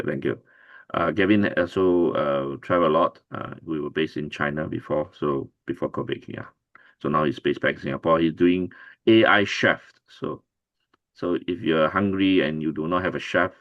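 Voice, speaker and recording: A man with a very low voice hosts an online writing class. He introduces people in an easygoing way with lots of fillers. The sound is dull and dry, close and lo-fi. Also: no room sound. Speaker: course host and writing coach.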